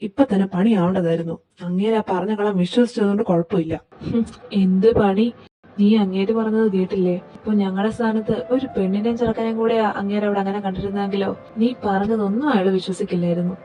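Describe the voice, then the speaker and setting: A woman performing every role in a fan audio drama, in a lively, teasing and quarrelsome way. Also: medium pitch, fast, faint music behind. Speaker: voice actor reading all parts.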